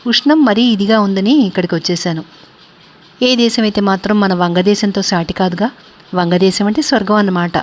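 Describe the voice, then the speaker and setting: A stern old man, as a woman narrator puts him on in a read-aloud novel. He lectures and reproaches in measured sentences. Her pitch stays in an ordinary middle register. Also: natural voice. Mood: chatty.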